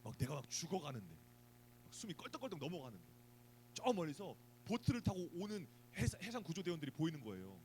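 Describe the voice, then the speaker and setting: A man's voice: a little high, fast, slight background noise, low-quality recording. A man preaching a youth sermon, asking the students questions and acting out little scenes. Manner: animated, asks the students questions, acts out scenes. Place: church youth service.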